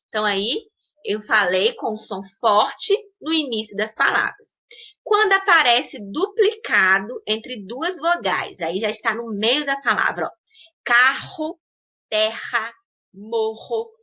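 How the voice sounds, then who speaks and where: A young Brazilian woman teaching a primary class, with a Brazilian Portuguese accent and a bright, ringing voice. She speaks slowly and patiently, sounding out example words one by one and pausing to check that the pupils follow. Her voice sits a little high. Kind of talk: recorded online lesson.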